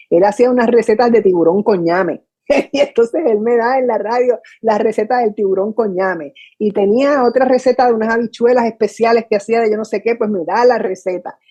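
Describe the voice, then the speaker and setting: An older woman with a Puerto Rican accent, a radio announcer recalling her career in an interview from home, lively and acting out old conversations. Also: a little high, slightly rough. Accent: Puerto Rican Spanish. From Puerto Rico. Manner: animated storyteller, acts out her own past dialogue. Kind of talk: storytelling interview. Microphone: video call from home.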